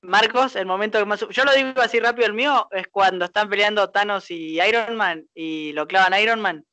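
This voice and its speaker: A Rioplatense man hosts a casual podcast, eager and quick to steer the talk. His voice sits high and bright. The sound is close and dry. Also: no room sound. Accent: Rioplatense Spanish. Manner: excitable, steers the talk, frequent restarts. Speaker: podcast host.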